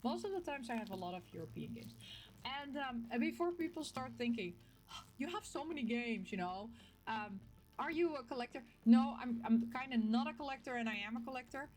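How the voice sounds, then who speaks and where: Speaking a little fast in a high-sitting voice with a Dutch accent, this gaming vlogger and host from the Netherlands talks chattily to her viewers. Her delivery is lively and playfully emphatic, with small acted-out quotes.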